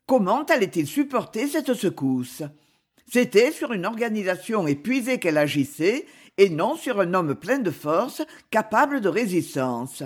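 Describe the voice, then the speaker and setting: Slow, expressive woman reading a novel. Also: medium pitch, husky. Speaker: audiobook reader. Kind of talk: scripted narration of a novel.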